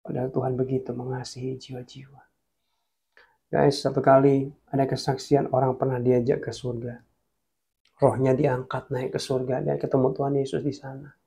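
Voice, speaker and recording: A man preaching a sermon, telling a personal testimony in an earnest way and often dropping to a hushed voice. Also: medium pitch, level tone, normal speed, creaky. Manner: earnest, addresses listeners as guys, drops to hushed tones.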